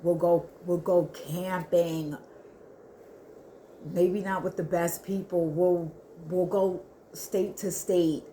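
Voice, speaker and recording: A woman giving an earnest spiritual reading to her viewers, talking haltingly with many restarts. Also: lowish voice, steady tone, dark tone, a little hiss or hum. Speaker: spiritual reader. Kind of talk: intuitive spiritual reading to camera.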